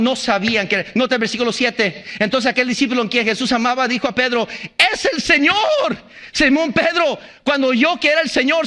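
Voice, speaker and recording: A pastor delivers an impassioned sermon. His voice sits very high for a man and cuts through with a sharp, bright edge. He hammers his point with repeated rhetorical questions and at times breaks into shouting.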